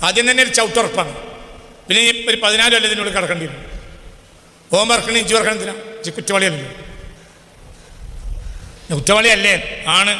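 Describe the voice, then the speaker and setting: A man with a Malabar accent delivers a sermon in a high, sharply bright voice. He keeps questioning the audience and pushes them to reply. The sound is echoey, as if caught in a large hall with a long reverb. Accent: Malabar Malayalam. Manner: asks the audience questions and presses them to answer. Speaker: Islamic preacher.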